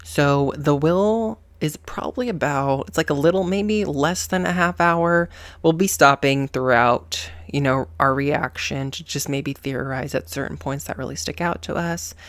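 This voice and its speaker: The host of a gaming reaction channel gives casual commentary in a campy, sassy style, full of slangy exclamations and repetition for emphasis. The voice is medium-pitched, a bit bright and measured in pace, with no room sound.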